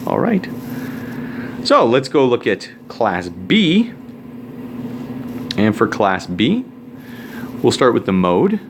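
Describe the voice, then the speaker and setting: A man's voice: mid-range voice, huge pitch swings, slow pace, pauses often, noisy background. A man teaching a recorded math lesson, talking casually with joking asides while he writes out formulas.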